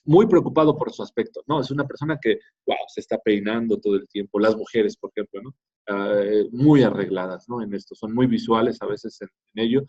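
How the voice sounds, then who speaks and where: Heard through a dull lo-fi classroom recording, a male teacher speaks on the low side, brisk, mellow and husky. His lecture is conversational, with "¿no?" tacked onto many phrases to check in with students.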